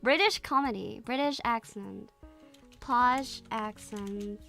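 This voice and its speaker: A woman's voice: fairly high pitch, takes it slowly, gravelly, a bit bright, faint music behind. A woman streamer chatting casually while reacting to videos, giggly and laughing often.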